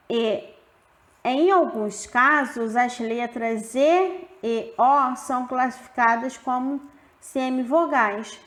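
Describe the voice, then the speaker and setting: A woman gives a grammar lesson in a high, clear voice. She talks slowly and stretches out the example words. The room around her rings with echo. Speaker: teacher. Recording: roomy echo.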